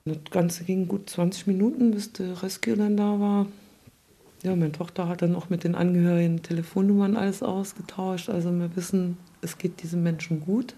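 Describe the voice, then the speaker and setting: A woman from Germany, a nurse, telling a personal story dramatically, dropping to hushed asides and rising loud. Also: fairly low pitch. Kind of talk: spoken anecdote.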